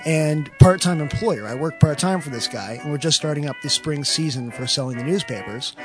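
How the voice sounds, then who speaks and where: A young man's voice runs through a chipmunk filter that pitches it up and thins it out. He talks in blunt, sarcastic podcast banter and swears freely. Faint music plays behind him. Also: fairly quick. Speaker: podcast co-host.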